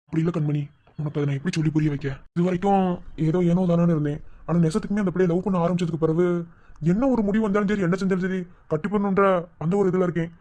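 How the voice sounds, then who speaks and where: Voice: sits high, expressive, a bit bright. An actor voicing a worried young male college senior in a cartoon, pressing his girlfriend for answers. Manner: fast, pressing and anxious. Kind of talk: animated cartoon voice acting.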